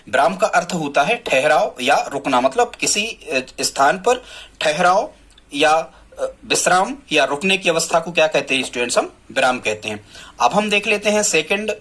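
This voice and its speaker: Brief: male teacher, a little high-pitched, patient classroom explainer. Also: a bit bright. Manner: addresses students often, repeats key answers. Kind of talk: grammar lesson.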